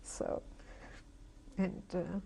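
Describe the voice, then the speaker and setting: An older woman from Germany giving a reflective, halting oral history testimony, often restarting her sentences. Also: warm tone. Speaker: interviewee. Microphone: interview recording.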